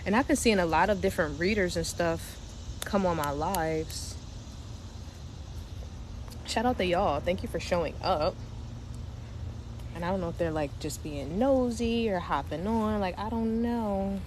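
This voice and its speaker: A woman's voice: lowish voice, measured pace, long pauses, rough recording. A young woman from Delaware with a slight New York twang, chatting casually and profanely on a livestream, laughing often. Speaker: spiritual livestream host. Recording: steady background noise.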